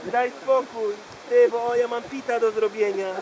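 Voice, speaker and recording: A man's voice: very high-pitched, steady tone, unhurried, crowd noise, rough recording. A man playing a gossipy, crude woman on the phone in a live comic monologue, rambling with fillers and punning jokes. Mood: gossiping. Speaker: comedian. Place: bachelor party.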